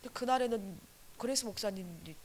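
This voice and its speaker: A woman's voice: medium pitch, lively intonation, quick pace, slightly rough. A woman evangelist gives her testimony to a church congregation. She talks earnestly and with animation, packing her story with fillers.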